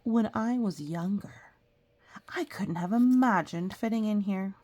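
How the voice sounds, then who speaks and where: A woman's voice: mid-range voice, a little slow, a little mellow, lightly acted. A woman voicing a cheerful, earnest cookie telling its life story from a children's picture book, with big storytelling emphasis. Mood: earnest, reflective.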